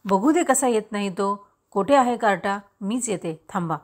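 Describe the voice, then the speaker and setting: A woman reading aloud gives voice to a strict village mother, sharp-tongued and forceful with her son. Her voice sits at a middling pitch and carries the firm tone of a storybook parent. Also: normal speed, natural voice. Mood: angry scolding. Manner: scolding, forceful.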